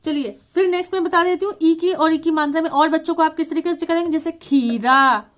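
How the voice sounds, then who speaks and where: High-voiced woman explaining a lesson. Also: little pitch movement. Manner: slow, deliberate word reading with stressed syllables; casual mix of English words in her talk. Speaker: teacher.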